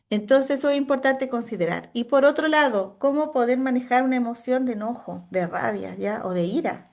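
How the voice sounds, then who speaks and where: A woman's voice: mid-range voice, a little mellow. A woman, a psychologist, giving a church training lesson to Sunday school teachers, explaining patiently and checking in with frequent tag questions.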